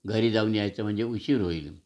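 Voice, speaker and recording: A man's voice: lowish voice, fairly quick, darkish tone, natural voice. A man reading aloud, voicing a tough, bossy schoolgirl who coaxes a small boy. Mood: coaxing.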